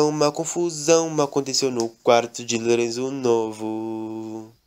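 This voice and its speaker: A man's voice: mid-range voice, fairly bright tone, clear, resonant tone. A man telling an absurd comic story in a mock-dramatic, repetitive storytelling manner.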